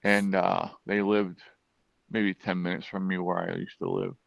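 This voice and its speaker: A man in a casual chat who tells stories haltingly, with many pauses and restarts. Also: deep voice, fairly even intonation, gravelly, dry recording, dull audio.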